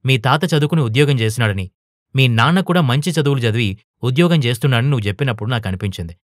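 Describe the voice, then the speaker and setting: A man's voice: mid-range voice, animated, rapid-fire, no room sound, studio quality, natural voice. A man voicing an outspoken young woman teacher in an audio storybook, earnest and turning heated. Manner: earnest, rising to heated protest.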